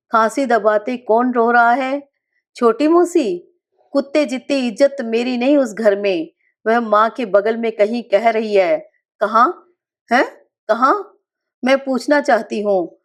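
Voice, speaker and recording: Slow, high-voiced woman reading a story. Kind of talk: scripted narration of a literary short story.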